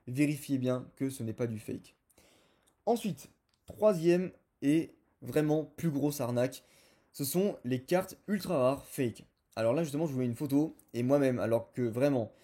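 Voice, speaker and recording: A man hosting his own video channel, talking straight to his viewers in a chatty, filler-laden way. His voice is husky and mellow, with a dark, soft tone. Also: mid-range voice. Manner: chatty, addresses viewers directly, frequent fillers. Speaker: YouTube host. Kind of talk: casual explainer video.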